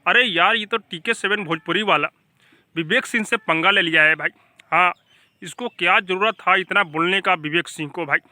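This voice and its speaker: A YouTube channel host, a man with a bright, high voice and a Bhojpuri accent, delivers informal gossip news commentary, either to camera or as voice-over. He speaks emphatically and keeps calling viewers "brother." There's no room sound.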